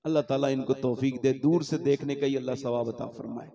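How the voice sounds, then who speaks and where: A man preaching a sermon at a public gathering, acting out dialogue and rising to shouts, and chanting verses in a drawn-out sung style. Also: medium pitch, steady tone. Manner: impassioned, building to shouts, acts out dialogue. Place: outdoor religious gathering. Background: crowd.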